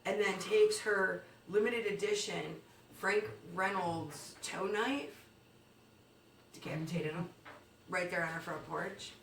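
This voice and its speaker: A woman's voice: on the low side, slow pace, pauses often, a bit bright. A woman tells a made-up news story in a playful, loose way, stumbling over ums and dropping swear words. Her voice sounds roomy and a little distant, with faint noise in the background. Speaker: comedy news co-host. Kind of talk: comedic mock news story.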